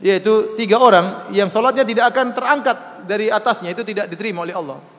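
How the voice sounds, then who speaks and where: High-voiced preacher in a reverberant hall. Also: male voice, fairly bright tone. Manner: explains Arabic texts line by line, often adding rhetorical "ya" and questions; chants Arabic quotations slowly. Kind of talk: Islamic sermon.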